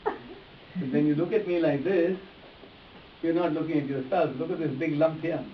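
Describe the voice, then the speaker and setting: During a live face-reading demonstration, a man with a slightly high voice and moderate pace talks straight to his volunteers, going over his instructions repeatedly. The recording sounds distant, echoey and muffled, with hiss underneath.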